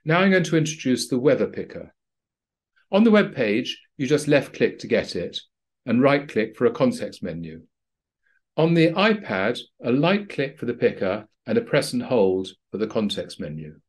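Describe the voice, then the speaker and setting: Man with lively pitch, practical walkthrough. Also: moderate pace. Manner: plain, practical, dryly understated. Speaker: flight training instructor. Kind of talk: screen-recorded tutorial narration.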